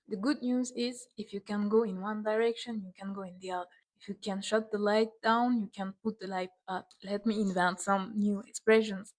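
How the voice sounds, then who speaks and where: A woman speaking in a casual advice vlog, earnest and direct, with non-native English phrasing. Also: medium pitch. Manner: earnest, direct, encouraging, repeats her points. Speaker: beauty and self-image content creator.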